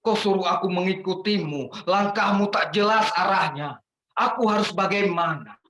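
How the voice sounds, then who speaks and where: A man reciting a protest poem dramatically, rising to shouts on the refrains. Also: sits high, normal speed. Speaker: guest poetry reader. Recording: echoey room with faint noise.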